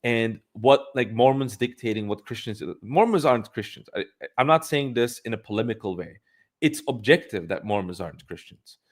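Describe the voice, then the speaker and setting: A man's voice: medium pitch, lively intonation, moderate pace. A man hosting a livestream, giving blunt, opinionated commentary and thinking aloud with frequent restarts. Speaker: livestream host.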